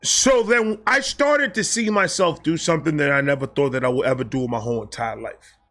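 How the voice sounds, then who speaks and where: A man with a fairly high, bright and forceful voice tells a personal story straight to the camera. He talks in an animated, self-mocking way and swears freely. He often stumbles, restarts and repeats his phrases. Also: fairly quick. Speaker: storytime vlog host.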